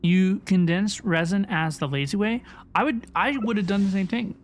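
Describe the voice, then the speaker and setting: A woman hosts a gaming livestream, chatting casually and often repeating phrases for emphasis, with game music playing in the background. She speaks at a normal pace in a medium-pitched voice.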